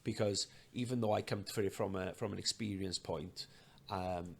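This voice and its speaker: Gravelly low-voiced man. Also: steady tone. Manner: earnest, halting, many fillers and restarts. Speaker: clinic owner, podcast guest. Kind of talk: casual conversation.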